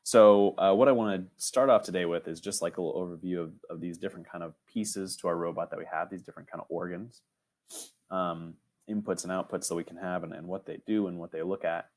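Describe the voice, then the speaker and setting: A young man teaching an online robotics lesson in a casual, rambling way, often checking in with "right?" and filling pauses with "um". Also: low-pitched, steady tone, darkish tone. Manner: casual, filler-heavy, frequent "right?" checks.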